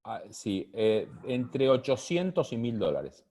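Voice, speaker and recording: A man, a doctor on a webinar panel, giving short halting answers with fillers. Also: mid-range voice, big pitch swings, mellow. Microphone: video call.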